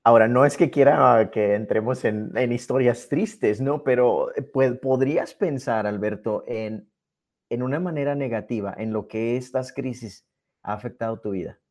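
A man hosting an interview, asking gentle questions and often adding a tag question. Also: medium pitch, moderate pace. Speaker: podcast host.

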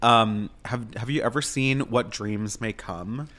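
Casting: male podcast co-host, bright crisp-edged voice, campy and playful, slangy conversational delivery. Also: mid-range voice, takes it slowly. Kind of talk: casual film chat.

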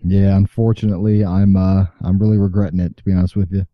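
Guy co-hosting a podcast, kinda low voice, chatting casually, dull cheap sound. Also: little pitch movement, fast talker. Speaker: podcast co-host. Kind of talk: casual chat.

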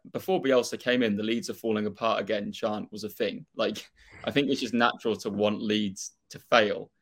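A young man with a Norfolk accent chatting casually and opinionatedly about football as a fan, in a rambling way. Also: lowish voice. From Norfolk, England.

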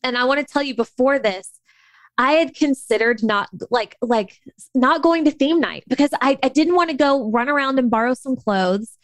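A young woman tells a long personal story in an animated, chatty way, stumbling and restarting as she talks. Her voice sits a little high, and the sound is dry and close. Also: moderate pace, no echo. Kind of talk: casual storytelling chat.

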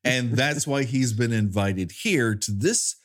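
A man's voice: mid-range voice, unhurried. A man hosting a podcast with jokey banter and showy turns of phrase. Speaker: podcast host.

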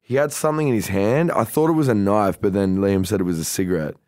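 An Australian man with a fairly low voice spins a wild story for his podcast co-host. He swears freely and acts out everyone's lines as he goes. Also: fast talker, clear, resonant tone, no echo, studio quality. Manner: animated, swears freely, acts out quoted dialogue. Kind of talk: casual storytelling chat.

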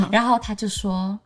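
A woman's voice: medium pitch, a little mellow. A young woman in her twenties with a Taiwanese Mandarin accent, co-hosting a podcast and telling a story in casual chat, quoting her friends in livelier voices. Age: 20s. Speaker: podcast co-host.

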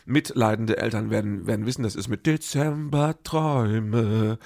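A comedian telling rambling, self-correcting anecdotes in a casual monologue. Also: male voice, lowish voice, normal speed, vocal fry, a little mellow.

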